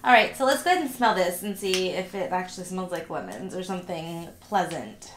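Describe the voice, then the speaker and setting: A woman's voice: lowish voice, expressive, brisk, a little hiss or hum. A young woman with a stuffy nose from allergies, chatting upbeat through a casual haul video at home. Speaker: vlogger. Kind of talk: casual unboxing haul vlog. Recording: echoey room.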